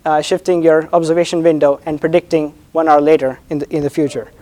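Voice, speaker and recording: A man presenting an academic thesis defense as a doctoral candidate, hesitant and halting, often repeating words and checking in with "right?". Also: fairly high pitch, level tone, warm tone.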